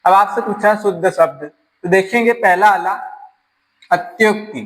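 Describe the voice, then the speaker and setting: A man with a Rajasthani accent and a high, fairly bright voice leads a grammar lesson for exam preparation, speaking at a moderate pace on poor-quality audio. He explains things one step at a time and poses questions that he answers himself.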